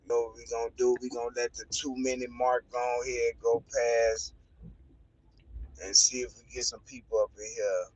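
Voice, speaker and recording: A man's voice: mid-range voice, level tone, normal speed, dry recording, poor audio. A man with a Chicago accent hosting a casual early-morning live stream, giving loose, repetitive, preacher-like words of encouragement. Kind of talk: casual motivational live talk.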